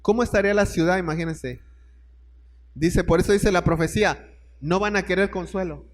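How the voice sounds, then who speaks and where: A man's voice: high voice, moderate pace, long reverb tail. A man preaching a sermon, telling the story and putting questions straight to his listeners.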